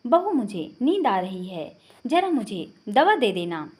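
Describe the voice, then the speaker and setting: A woman's voice: mid-range voice, sing-song, slow, a little mellow, breathy edge, full character voice. A woman voicing a stern elderly grandmother who grumbles and questions.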